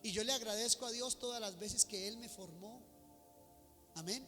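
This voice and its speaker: A man's voice: high voice, moderate pace, bright, forceful tone, big-room sound, faint music behind. A man preaching a fervent sermon as pastor, acting out congregants' prayers in quoted asides.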